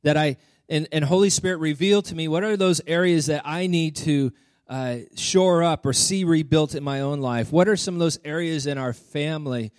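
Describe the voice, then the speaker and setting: A man's voice: fairly high pitch, normal speed, darkish tone, no room sound. A man delivers a sermon in a slightly raised voice, earnest and driving toward emphatic exhortation. He stumbles over repeated words as he pushes forward. The sound is dry and close, with no room around it. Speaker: preacher.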